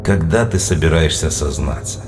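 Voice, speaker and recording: A man reading an audiobook voices an unseen, disembodied male voice in the dark that calmly mocks and interrogates, sounding distant and hollow. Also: extremely low pitch. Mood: cold. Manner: calm, taunting, unhurried interrogation. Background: music.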